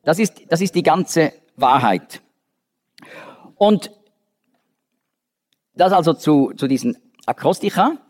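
Man, Bible study lecture, animated pitch, slightly high voice, long hall reverb. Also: slow, long pauses. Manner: explanatory, with frequent restarts and fillers. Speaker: Bible teacher.

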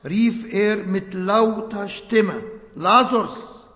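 A man with a high voice preaches slowly and deliberately, stopping to restart phrases and search for words. His earnest stresses ring out in a roomy church hall with a long, echoing reverb. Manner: slow and emphatic, voice rising in earnest stress. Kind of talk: sermon.

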